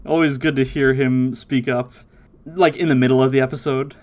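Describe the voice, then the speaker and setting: A man hosting a casual podcast, recapping episodes in an animated way and slipping into impressions of the characters. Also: mid-range voice, moderate pace. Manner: animated, mimics characters' voices while recapping. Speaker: podcast host.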